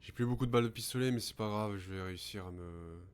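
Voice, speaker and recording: A man's voice: lowish voice, fast talker, clean tone. A man commentating a horror game as a scared streamer, swearing and muttering to himself. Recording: steady background noise with hum.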